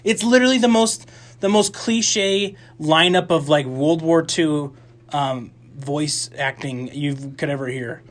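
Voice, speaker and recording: A man's voice: on the high side, a little slow. Rambling young man reviewing movies. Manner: animated, rambling with many restarts and fillers. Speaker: radio show co-host. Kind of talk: casual movie review chat. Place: campus radio studio.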